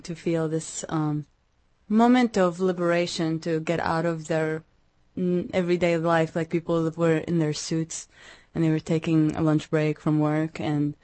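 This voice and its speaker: A young woman from Iraq, a musician guest in an interview, speaking hesitantly with many pauses and restarts. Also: low-pitched, darkish tone, no room sound. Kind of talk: radio interview.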